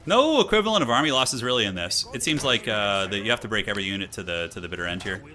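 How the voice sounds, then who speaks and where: With game music in the background, a streamer talks through his strategy game in casual slang, thinking aloud as he goes. He speaks quickly and animatedly in a lowish, bright, forceful voice.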